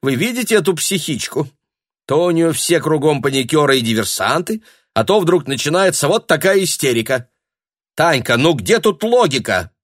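A man's voice: on the low side, animated, measured pace, fairly bright tone, no echo, studio quality. A man voicing a cool, sensible young woman who speaks curtly and coldly, in an audiobook. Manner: cold, curt.

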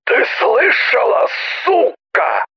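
An actor playing a menacing anonymous male caller whose dry, scraping voice comes through distorted and metallic, repeating a slow threat. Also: very high-pitched, huge pitch swings, exaggerated voice. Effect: distorted metallic phone voice. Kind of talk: audiobook drama. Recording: dull lo-fi phone recording.

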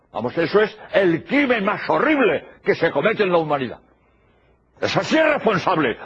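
A man's voice: high voice, fairly bright tone, slightly rough. An older man giving a religious lecture, emphatic and repeating his key phrases. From Spain. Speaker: preacher. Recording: dull lo-fi old tape recording.

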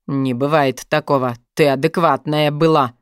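A woman voicing a husky, brooding young man. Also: fairly even intonation, moderate pace, no room sound, studio quality, lightly acted. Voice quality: low husky murmur. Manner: pressing, intense, murmured. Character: gruff possessive young man, brooding lover. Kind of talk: audiobook narration.

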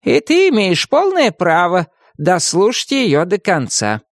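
A man's voice: high voice, wildly swooping pitch, slow, gravelly, no echo, studio quality, voice pushed up, full character voice. A man voicing a wry, strict ghost grandmother, over sixty, in a storybook reading. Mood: stern. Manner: wry, stern, schoolmarmish.

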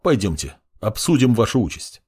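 A man's voice: on the low side, sing-song, normal speed, a little mellow, husky, heavily acted. Man voicing a curt young male judge. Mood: irritated. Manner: brusque and lecturing.

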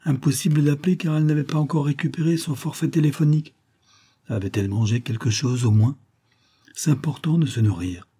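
Warm, husky male audiobook narrator. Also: on the high side. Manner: measured, wry storytelling. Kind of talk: first-person novel reading.

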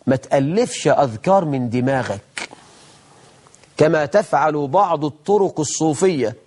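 Animated Egyptian sheikh, higher male voice. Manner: lively, mock-imitates people, then slows for solemn recitation. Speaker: TV religious program host, sheikh. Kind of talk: religious lesson in colloquial talk with recited verses.

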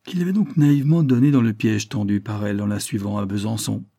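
A man narrating a 1920s adventure novel in a steady, measured audiobook reading. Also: on the low side, no echo, studio quality. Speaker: audiobook reader.

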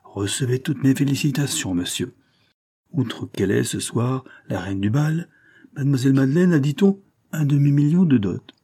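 Sly masked sleuth, defiant and mocking, read by a man in a warm husky voice. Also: medium pitch, normal speed, pitched above the performer's own voice. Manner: bold, ironic, defiant.

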